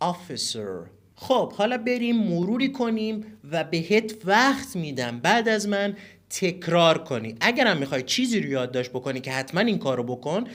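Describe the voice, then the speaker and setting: A man teaching an English lesson, repeating each word and sentence slowly and deliberately, with quick, direct explanations between the drills. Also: high voice, fairly bright tone. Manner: slow, deliberate word-by-word repetition. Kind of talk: language lesson with repetition drills.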